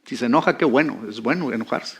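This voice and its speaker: A man's voice: medium pitch, quick pace, fairly bright tone, husky. A man preaching a sermon, talking with the congregation and putting questions to them. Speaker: pastor.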